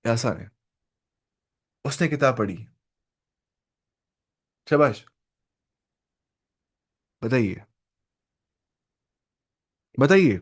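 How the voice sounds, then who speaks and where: A man's voice: mid-range voice, lively intonation, long pauses, husky. A male language teacher in an online lesson, who drills phrases, repeats them and prompts his student to answer. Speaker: Arabic teacher.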